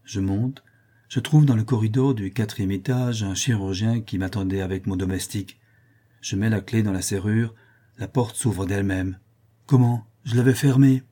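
A man reading a classic novel aloud as an audiobook in first-person narration, steady and expressive. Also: fairly low pitch, moderate pace. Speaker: audiobook reader.

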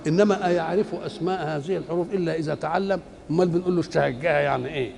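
A man's voice: a little high, racing, vocal fry, a little mellow, a little hiss or hum. An older man with an Egyptian Arabic accent giving a Quran commentary lecture, posing rhetorical questions and answering them like a teacher. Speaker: Islamic scholar. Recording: echoey hall with faint ambience.

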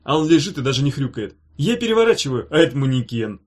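Storybook role: brash prankster, loud and slangy, a bit high, voiced by a man. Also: lively intonation, a little fast. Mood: boisterous. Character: rowdy cheerful young man, prankster. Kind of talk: audiobook character voice.

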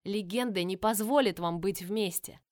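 A woman's voice: mid-range voice, normal speed, darkish tone, dry recording, clean studio sound, natural voice. Scarlett, a woman doing a worried older sister. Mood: urgent. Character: Scarlett, anxious wary young woman, protective older sister.

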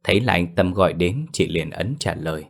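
A man narrating a ghost story as a storyteller, with a measured, dramatic delivery. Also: low-pitched, gravelly.

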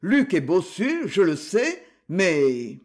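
A man doing a gruff, stout old father. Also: wildly swooping pitch, slow, full character voice. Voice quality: deep voice.

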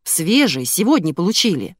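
A woman voicing a prim, easily offended woman pharmacist who speaks slowly and plaintively. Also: on the low side, big pitch swings, no echo, clean studio sound.

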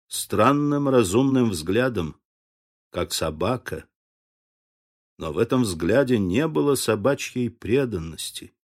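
A man narrating a classic adventure novel in a measured, expressive audiobook reading. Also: fairly low pitch. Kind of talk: scripted literary narration.

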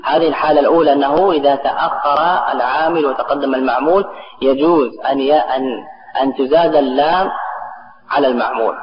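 Man teaching grammar in an echoey hall. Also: medium pitch. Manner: explains step by step, asks the class questions. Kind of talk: classroom grammar lesson. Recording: echoey, dull lo-fi recording with a crowd behind.

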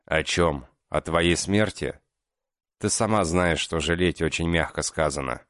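A man reading an audiobook and voicing a curt, withdrawn young killer in his own very deep voice. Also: unhurried, fairly bright tone, dry recording, clean studio sound. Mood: grim. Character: grim young male killer, guilty and terse. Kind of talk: audiobook character voice.

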